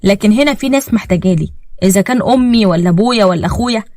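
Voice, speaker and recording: A woman's voice: mid-range voice, lively intonation, racing, darkish tone, no room sound, studio quality, close to an everyday voice. A woman with an Egyptian accent voicing a confused husband who has lost his memory, defensive and pleading by turns.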